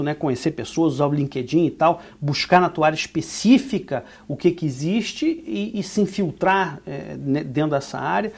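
A man's voice: on the high side, gravelly, darkish tone, slightly rough. A Brazilian man with a Brazilian Portuguese accent, co-hosting a casual podcast and talking earnestly and encouragingly, with many restarts and fillers. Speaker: podcast co-host, business owner.

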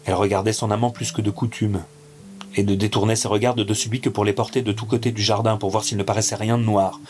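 A man narrating a classic tale in a measured, theatrical reading over music. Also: fairly low pitch, flat delivery, a little mellow.

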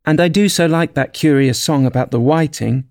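A man's voice: fairly high pitch, moderate pace, a little mellow, pitched above the performer's own voice, natural voice. A man voicing a polite, curious and timid young girl in a storybook, with a wondering manner.

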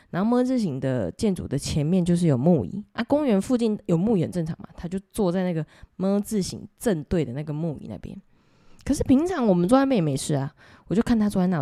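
A young woman with a Taiwanese Mandarin accent chats through a ghost story and keeps turning to her listeners. Her voice is low and mellow. The sound is dry and close. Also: no echo. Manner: chatty, addresses listeners directly. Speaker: podcast host. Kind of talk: casual ghost-story telling.

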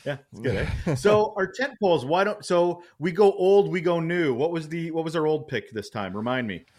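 Male co-host, bright animated delivery, playful and loose, casual podcast chat. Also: a little high, normal speed. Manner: lively, jokey, rambling with restarts. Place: Vancouver Island.

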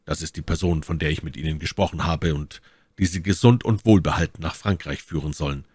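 A man reading an audiobook, voicing a grim, resolute young officer in a somber, measured tone. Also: a bass voice, darkish tone, breathy edge, no echo, clean studio sound.

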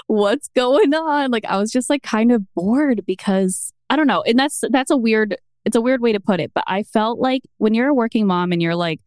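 Chatty woman in her thirties, smooth voice. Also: on the high side, no room sound, studio quality. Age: 30s. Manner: chatty, animated storytelling with many "like" fillers. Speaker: podcast guest. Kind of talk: casual conversational interview.

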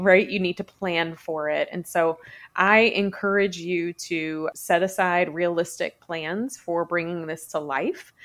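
A woman hosts a podcast in a relaxed, chatty way. Her voice sits a little low for a woman, and it springs upward whenever she gets animated. She sounds expressive and conversational. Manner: animated, expressive, often leaps up in pitch. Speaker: podcast host. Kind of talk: casual podcast chat.

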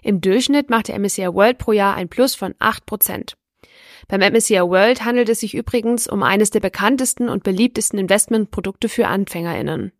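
A woman's voice: medium pitch, fairly quick, no echo, clean studio sound. A woman hosting a finance podcast, reading a scripted explainer in a structured, instructional way that addresses the listener directly.

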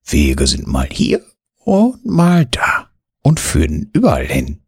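A man voicing a gentle female talking cat who speaks in a soft, purring way in a bedtime story. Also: a bass voice, huge pitch swings, takes it slowly, creaky, breathy edge, no echo, clean studio sound, heavily acted. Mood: calm.

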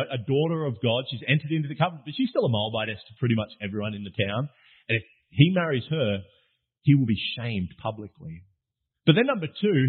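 Husky preacher on a tinny line. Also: male voice, medium pitch. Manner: conversational, jokey, acts out the Bible characters in casual voices. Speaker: pastor. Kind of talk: sermon. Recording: tinny phone-like sound.

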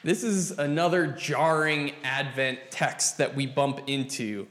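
Slow-speaking preacher in a reverberant church. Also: male voice, mid-range voice, steady tone, fairly bright tone. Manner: slow, deliberate and folksy. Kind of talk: sermon with opening prayer. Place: church sanctuary. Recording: roomy reverberant church sound.

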